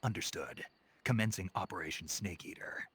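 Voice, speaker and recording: A man playing a gruff, terse special forces soldier in a video game, with an intense delivery. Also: low voice, normal speed, a bit bright, exaggerated voice. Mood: resolute. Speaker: field agent. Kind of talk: cinematic video game acting.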